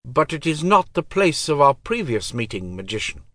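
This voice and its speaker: A man's voice: a little high, big pitch swings, normal speed, a bit bright, dry recording, pitched above the performer's own voice. A man voicing a cold, commanding goddess of death who speaks in solemn pronouncements. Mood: icy, solemn.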